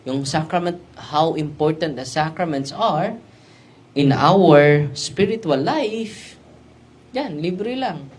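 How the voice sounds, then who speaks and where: Male priest, slow-spoken, slightly high voice, preaching sermon, faint background hum. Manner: storytelling, with frequent "no?" tag questions.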